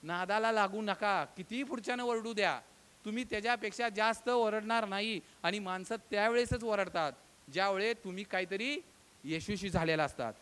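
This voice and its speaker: A man giving a motivational public lecture, talking straight to the crowd with rhetorical questions and swinging from loud declaiming to low, close tones. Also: brisk, clear, resonant tone. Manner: emphatic oratory, addresses audience as friends, rhetorical questions. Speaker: guest lecturer.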